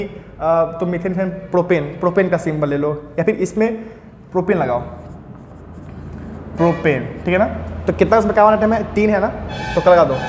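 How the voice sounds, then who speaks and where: A high-pitched male teacher runs a chemistry lesson, putting questions to the class and answering them himself. His voice rings through a roomy space with a long reverb tail. A faint hiss sits behind him. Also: darkish tone. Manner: counts atoms aloud while drawing. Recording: roomy echo, faint background noise.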